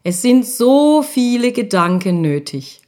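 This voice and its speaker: A woman reading a storybook and voicing Guschugina, a kind, caring girl school ghost who talks gently and reassuringly. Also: fairly high pitch, very animated, slow pace, voice pushed up. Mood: gentle.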